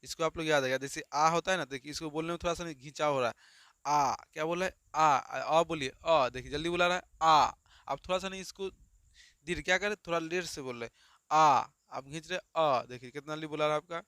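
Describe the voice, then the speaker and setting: Bright, crisp male grammar teacher. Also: fairly high pitch, very fast, no echo, clean studio sound. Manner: repetitive call-and-response questioning. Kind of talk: Hindi grammar lesson.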